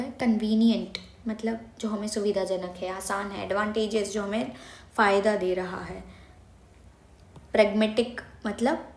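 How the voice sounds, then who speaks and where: Hindi-speaking woman teaching, echoey room. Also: medium pitch. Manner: explains step by step, asks herself questions and answers them. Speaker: vocabulary teacher for exam prep. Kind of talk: Hindi-English mixed vocabulary lesson.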